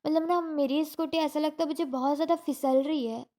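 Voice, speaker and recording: A woman's voice: high voice, steady tone, brisk, a little mellow. A young woman in casual vlog talk, telling a story in a shaken, rambling way with many restarts, still in pain after a fall. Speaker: vlogger.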